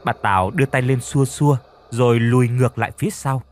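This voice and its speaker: A man narrating a horror story in a dramatic, expressive storytelling manner. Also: medium pitch, fast talker.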